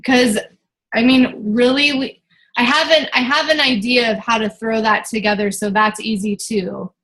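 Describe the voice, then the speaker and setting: Woman coach chatting thru a team call, kinda high voice, lots of ums and restarts. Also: fairly even intonation, normal speed, a bit bright, low-quality recording. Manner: chatty, loose, many fillers and restarts. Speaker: team coach leading a meeting. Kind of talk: casual team meeting talk.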